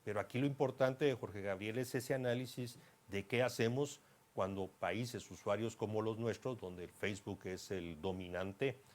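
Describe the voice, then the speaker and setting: Low-voiced man asking emphatic questions. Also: normal speed. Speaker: interviewer. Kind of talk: TV interview questions.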